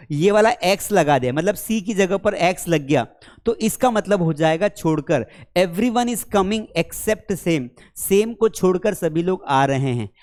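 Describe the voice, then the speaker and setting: A high-voiced man leads an online spoken-English lesson. He gives patient explanations, calls those watching friends and children, and reads English example sentences slowly.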